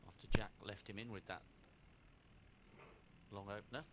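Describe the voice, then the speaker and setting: A man with a fairly low voice commentates live on snooker. He speaks in measured, short phrases and leaves space between them. The noise of the venue is clearly heard behind him. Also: steady tone.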